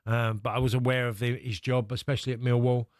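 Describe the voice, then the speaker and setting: A man working as a pundit, talking reflectively and conversationally, thinking aloud in a halting way. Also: medium pitch, level tone, dry recording, clean studio sound.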